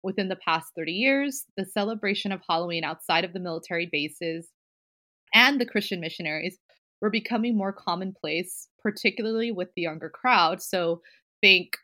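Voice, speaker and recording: Bright-voiced chatty woman host. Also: on the low side. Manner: chatty, giggly, many fillers. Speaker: podcast host. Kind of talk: casual chat, storytelling.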